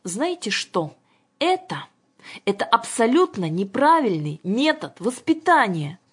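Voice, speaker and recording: A woman voicing a prim, defiant young governess who answers back with pedantic, indignant corrections, in a breathy voice. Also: medium pitch, expressive, normal speed, pitched above the performer's own voice, close to an everyday voice. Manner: indignant, pedantic, sharp retorts.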